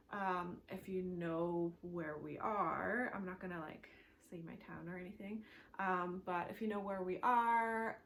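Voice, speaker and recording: Her voice sits at a medium pitch with a bit of background noise behind it. She's a German-speaking Swiss woman chatting casually to camera on the knitting podcast she hosts from home, rambling and dropping in many fillers.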